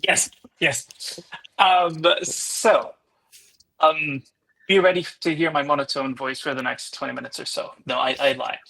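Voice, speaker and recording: Bright, husky-voiced man presenting. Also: on the high side, steady tone, unhurried, poor audio. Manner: opinionated, conversational, many restarts and ums. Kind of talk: casual webinar presentation.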